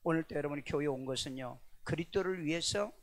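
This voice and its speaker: A middle-aged man preaching a sermon, firing rhetorical questions at his congregation and pushing some lines out loudly. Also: on the high side, fast talker, dry recording. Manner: rhetorical questions to the congregation, animated bursts of loudness. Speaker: pastor. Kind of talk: sermon with call-and-response questions.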